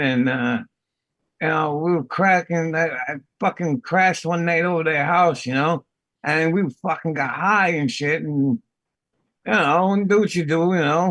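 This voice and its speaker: A man's voice: fairly high pitch, fairly bright tone, no echo. A middle-aged man from the Bronx, a podcast host swearing and laughing through casual stories. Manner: profane, laughing storyteller. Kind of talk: casual chat.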